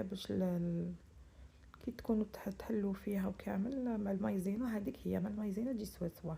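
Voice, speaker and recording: Middle-aged Algerian home cook, quick and chatty, dark gravelly tone, quiet half-whispered teaching. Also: female voice, mid-range voice, a little hiss or hum. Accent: Algerian Arabic. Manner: speaks softly, often half-whispering early in the morning; chatty, instructive, switches into French words. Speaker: home cook selling pastries to order. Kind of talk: cooking tutorial narration.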